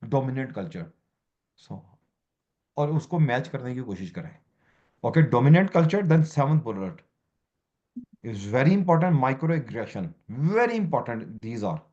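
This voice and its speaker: A man's voice: medium pitch, very animated, fast, long pauses, darkish tone, dull audio. A man lecturing a student as a law exam tutor, repeating key terms and quizzing her, in broken English. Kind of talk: informal lecture.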